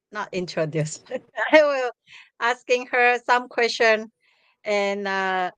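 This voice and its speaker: A woman, hosting a live stream from home over a video call, speaking haltingly with many restarts. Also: mid-range voice, fairly bright tone, clear, resonant tone, no room sound. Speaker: host. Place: home room with bookshelves. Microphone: webcam on video call.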